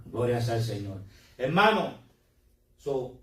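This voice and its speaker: A man's voice: medium pitch, sing-song, slow pace, fairly bright tone. A man who is a pastor, preaching a sermon to his congregation and mixing in English words, recorded from a distance in a church hall. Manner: preaching with Spanish-English code-switching. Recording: echoey room, mic from a distance.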